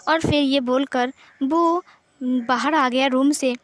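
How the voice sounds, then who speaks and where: A woman's voice: sits high, fairly even intonation, slow, dry recording. A woman narrating a fan-fiction story in a plain, matter-of-fact way.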